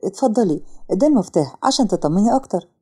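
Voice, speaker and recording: Storybook hero: woman voicing a calm, gentle Egyptian young man, warm-toned and reassuring. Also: medium pitch, quick pace, breathy edge. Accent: Egyptian Arabic. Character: kind, calm wealthy young man who rescues her. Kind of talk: storybook narration with voices.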